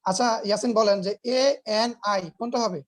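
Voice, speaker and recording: A man's voice: high-pitched, steady tone, a little fast. A man teaching English grammar in an online class, explaining patiently, repeating his points, quizzing students and mixing English words into his talk.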